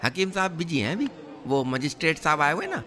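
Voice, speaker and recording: A man voicing a sly young compounder who talks fast and makes up excuses in a raised, wheedling voice. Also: fairly high pitch, sing-song, pushed and bright, pitched above the performer's own voice.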